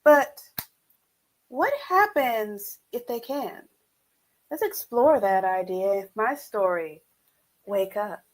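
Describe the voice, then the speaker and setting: A woman author reading her own story aloud at an online event, chatty and animated between passages, heard over a video call. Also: medium pitch, slow pace, long pauses.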